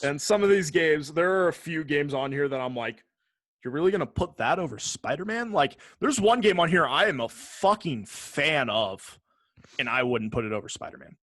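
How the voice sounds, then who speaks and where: A podcast co-host with a slightly high, expressive voice talks at a moderate pace, his tone fairly bright. He chats casually and swears a bit while reading out a ranked list with commentary. The studio recording is clean, with no echo.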